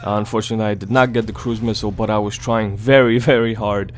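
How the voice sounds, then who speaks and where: A man's voice: fairly low pitch, fairly even intonation, fast talker, a little hiss or hum. A man giving casual, rambling gameplay commentary in a groggy morning voice, repeating words and swearing now and then. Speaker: gaming YouTuber.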